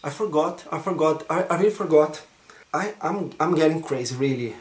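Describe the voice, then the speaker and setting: A young man from Brazil with a Brazilian Portuguese accent, speaking English as a second language in an expressive personal vlog, sometimes searching for words. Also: on the high side, fairly quick, roomy sound. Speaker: vlogger.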